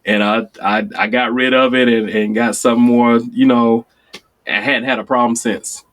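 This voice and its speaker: A mid-pitched man in his forties, from Chicago, chatting casually on a remote call. He tells stories with energy and leaps up high whenever he acts out what someone said. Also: normal speed. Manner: animated storyteller, acts out quotes with sudden high pitch jumps. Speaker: guest. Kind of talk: casual conversation.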